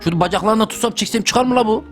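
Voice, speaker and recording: Over soft background music, a young man's high, very fast voice delivers joking let's-play commentary for his gaming channel. He's excitable and talks directly to his viewers.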